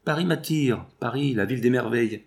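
A man's voice: mid-range voice, a little fast, lightly acted. A man reading aloud and voicing a willful, impetuous eighteen-year-old girl who pleads insistently.

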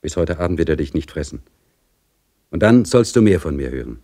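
A man's voice: a bass voice, animated, fairly quick, dark tone, full character voice. A man reading aloud voices a brusque, blustering middle-aged police officer who scolds and gives orders. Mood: conspiring.

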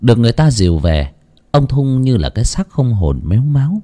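A man tells a grim horror story with a dark, mellow tone. His delivery is lively and dramatic, sinking to hushed lows and lifting for emphasis. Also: fairly quick. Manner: expressive, swings between hushed low and raised tones.

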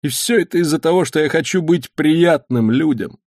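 A man's voice: a little high, a little mellow, no room sound, clean studio sound, voice pushed up, lightly acted. A man doing a timid fretful ship's skipper. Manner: plaintive, slow.

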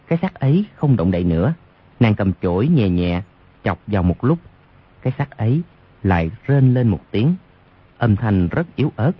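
A man's voice: fairly low pitch, slightly rough. A man narrating a martial arts novel as an audiobook on radio, reading expressively. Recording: lo-fi radio recording.

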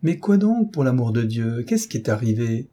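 A man's voice: medium pitch, sing-song, moderate pace, dark tone. A man reading aloud, voicing an indignant middle-aged woman housekeeper in a raised, scolding voice. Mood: alarmed. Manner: exclaiming, scolding.

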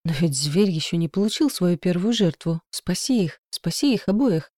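A woman's voice: lowish voice, animated, moderate pace, warm tone, no room sound, clean studio sound. A woman voicing an eager young male spirit trainee who speaks in an agitated, insistent way. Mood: anxious, urgent.

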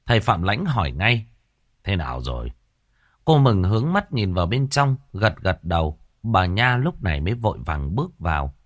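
A man narrating a ghost story in an expressive, suspenseful style. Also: lowish voice, normal speed, hardly any pauses, no echo, studio quality.

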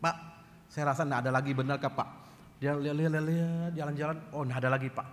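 A man preaching a sermon as pastor, telling a story in a lively way and acting out the voices of the people in it. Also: a little high, quick pace, a little hiss or hum. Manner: animated, acts out dialogue in quoted voices. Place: church. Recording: church hall reverb.

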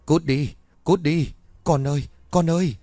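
A man's voice: little pitch movement, unhurried, warm tone, breathy edge, dry recording. A man voicing a terrified, haunted young wife who screams and pleads in panic, in a horror storybook narration. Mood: frantic. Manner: shrill frantic screaming.

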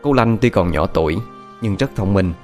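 A man narrating a ghost story in an expressive, scripted storytelling cadence. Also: low-pitched, normal speed, soft background music.

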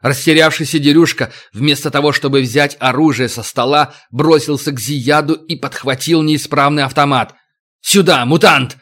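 A man's voice: a little high, fairly even intonation, normal speed, hardly any pauses, a bit bright. Man narrating an audiobook. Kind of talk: scripted narration.

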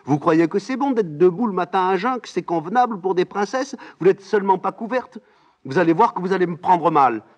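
A man reading a play aloud, voicing a fussy, scolding old nursemaid in a high raised voice. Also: expressive, brisk, muffled recording. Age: older. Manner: shrill, scolding, exclamatory.

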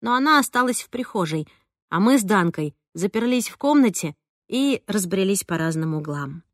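A woman narrating a first-person audiobook in an expressive storytelling manner, recorded close on a studio mic. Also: medium pitch, moderate pace, no echo.

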